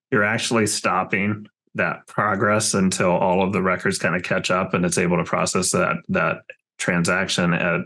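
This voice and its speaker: A man with a very deep voice hosts a user group meeting. He walks through a technical point step by step, in a patient and methodical way. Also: fairly bright tone.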